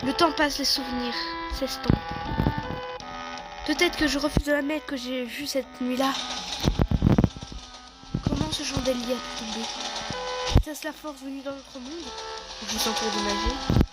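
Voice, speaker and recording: A woman's voice: high voice, measured pace, long pauses, loud music behind the voice, rough recording. A woman playing a wry, reflective young narrator in scripted first-person storytelling, conversational in manner. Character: wry young narrator recalling a haunted-manor night years later.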